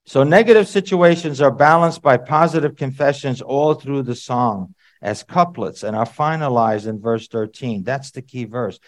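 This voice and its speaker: A male preacher talks through a sermon in a relaxed, conversational way. He peppers it with asides and rhetorical questions to the congregation, and now and then he jumps to a loud, emphatic shout before settling back down. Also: medium pitch.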